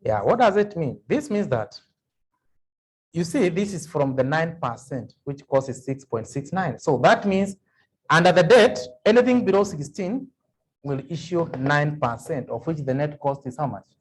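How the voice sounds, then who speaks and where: A man's voice: fairly high pitch, sing-song, normal speed, husky. A man giving an accounting revision lecture, working through sums aloud and putting questions to the class. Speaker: accounting tutor.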